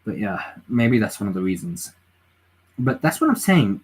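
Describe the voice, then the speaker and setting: With a lowish, gravelly, slightly rough voice, this man speaks at normal speed but swings hugely in pitch, on a low-quality recording. A tired native English speaker streaming late from home, he rambles through political opinions, reads the chat aloud, and often restarts or fills pauses.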